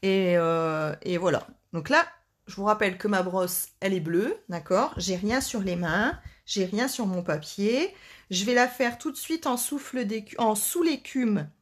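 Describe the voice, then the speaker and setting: A woman's voice: medium pitch, a little slow. A woman hosting a casual live card-making demonstration, chatting and joking with her viewers as she works.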